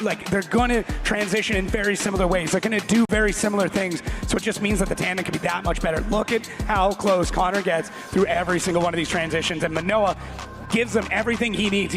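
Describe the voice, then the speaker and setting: A man with a high voice gives live motorsport colour commentary. He explains things emphatically while music plays behind him.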